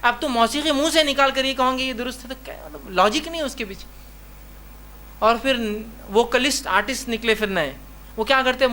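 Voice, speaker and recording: A man's voice: extremely high pitch, pushed and bright, a little hiss or hum. A man giving a religious lecture. He talks emphatically, keeps repeating "remember" and acts out short dialogues in his examples. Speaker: Islamic preacher.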